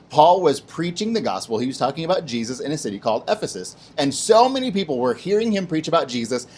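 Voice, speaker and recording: A man teaching children a Bible lesson in a loose, playful way. His pitch moves all over the place as he acts out the people in his story, and he keeps the language casual. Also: slightly rough. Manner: animated, plays voices in his stories, casual slang. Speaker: children's ministry host.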